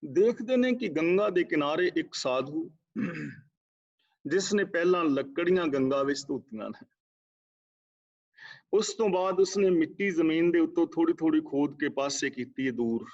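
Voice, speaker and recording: A man giving a scripture exposition class, chanting verses slowly and explaining them in a measured way. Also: fairly high pitch. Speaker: Sikh scripture teacher. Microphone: video call. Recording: dull lo-fi online class audio.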